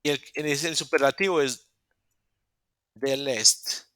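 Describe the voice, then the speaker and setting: A man's voice: mid-range voice, slow pace, fairly bright tone. A man teaching an English class over a video call, explaining step by step and often restarting his sentences. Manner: explains step by step with many restarts and self-corrections. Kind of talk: live online class explanation.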